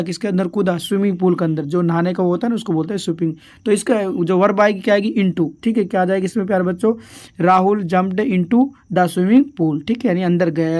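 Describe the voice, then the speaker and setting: A male teacher runs an exam revision lesson in a patient, repetitive way. He asks a question, pauses, then answers it himself, and he keeps calling his pupils dear children. He stretches out English words and sentences slowly, one piece at a time. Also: sits high, a little mellow.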